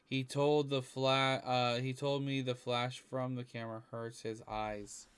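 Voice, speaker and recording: Recording in a small room at home, a young adult man offers informal live reactions as host of a video, occasionally reading text aloud and swearing mildly. He speaks in an unhurried, flat, medium-pitched voice with a clean tone.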